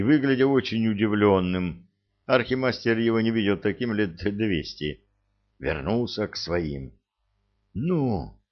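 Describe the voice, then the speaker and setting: A man reading an audiobook in a slow, even, measured way. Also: fairly low pitch. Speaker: audiobook narrator. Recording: dull lo-fi recording.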